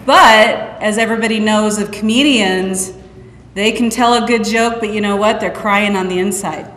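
A woman's voice: medium pitch, normal speed, fairly bright tone. A middle-aged woman from Northeast Nebraska giving an earnest, direct personal testimony at a school conference, acting out the dialogue she quotes. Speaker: conference speaker. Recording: echoey hall, long reverb.

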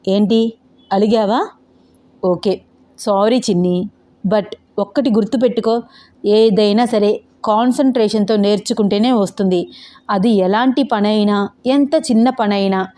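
A woman's voice: medium pitch, a little slow, long pauses, dark tone, natural voice. A woman voicing a teasing young boyfriend. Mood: gentle. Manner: playful, teasing, patient. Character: teasing, good-humored young man teaching his girlfriend. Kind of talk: audio novel character reading.

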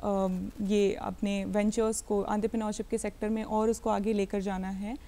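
A woman hosting a broadcast interview, asking long, measured questions. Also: medium pitch, little pitch movement, mellow. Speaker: TV interview host.

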